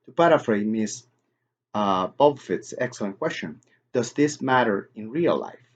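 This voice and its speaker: A man reading the part of a patient, mildly sarcastic middle-aged male teacher who lectures in a measured way. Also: fairly low pitch, big pitch swings, muffled recording, exaggerated voice. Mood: probing.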